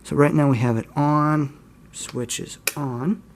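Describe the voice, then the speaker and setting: Speaking at a measured pace in a voice on the high side, this man hosts a hobbyist video and walks through a hands-on demo. His manner is relaxed and informal, a little rambling and self-deprecating. Electrical hum, faint static, and steady mains hum with room noise sit in the background.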